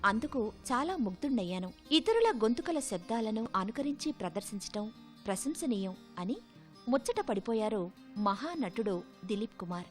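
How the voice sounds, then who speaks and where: A woman's voice: on the high side, very animated, moderate pace. A woman giving formal, poetic documentary narration from a script. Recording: narration with soft music underneath.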